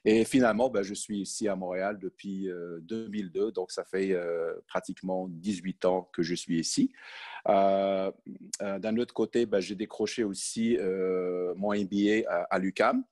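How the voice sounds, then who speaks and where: This podcast guest, a sales manager born in Morocco and now in his forties, chats about his life in a halting way full of fillers. His low voice holds a steady tone at normal speed and sounds a little mellow.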